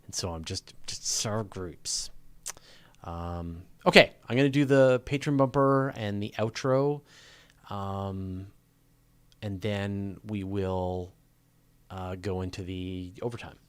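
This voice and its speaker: A low-voiced man with a clean tone speaks slowly while hosting a casual live Q&A show. He chats with viewers in an informal, joking, conversational way.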